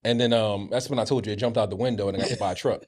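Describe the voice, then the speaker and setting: A man's voice: fairly low pitch, steady tone, very fast. A man co-hosting a casual podcast, telling candid, profane stories with many stammered restarts. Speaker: co-host.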